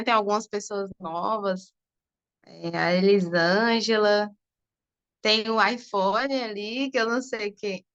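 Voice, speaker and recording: A woman of twenty-one from Fortaleza, speaking softly because of a sore throat as guest speaker in an online class, with many casual fillers. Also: medium pitch, lo-fi sound. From Fortaleza, Brazil. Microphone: video call.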